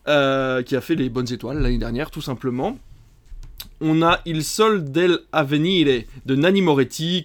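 A man hosting a casual film podcast, reading a long list of titles with many hesitant fillers. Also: a little high. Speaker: podcast host.

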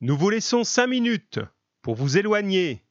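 A man voicing a male rebel leader who calls out loud commands. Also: high voice, sing-song, unhurried, dry recording, dull audio, pitched above the performer's own voice. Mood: commanding.

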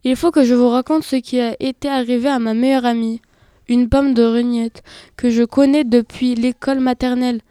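A woman's voice: fairly high pitch, little pitch movement, normal speed, warm tone, clean tone, dry recording, clean studio sound, close to an everyday voice. A woman voicing a gossipy, dramatic female golden apple, telling her tale with indignant alarm in an amateur web radio reading. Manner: indignant, breathless storytelling.

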